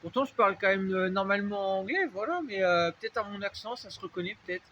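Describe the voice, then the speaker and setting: A man's voice: sits high, fast, bright, forceful tone, highs cut off, slight background noise. A young man from France with a French accent, chatting loosely in a casual vlog, rambling with lots of fillers and restarts. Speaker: vlogger. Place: dark unlit spot, vehicle noise around.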